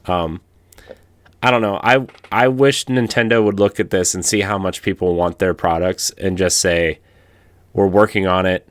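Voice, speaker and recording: A man's voice: sits low, steady tone, moderate pace, no room sound. A man on a podcast panel giving casual opinions, often checking in with little tag questions.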